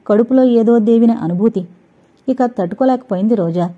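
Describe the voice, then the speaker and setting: A woman narrating a suspense audio novel in a steady, scripted storytelling voice. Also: fairly high pitch, moderate pace. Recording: dull lo-fi recording.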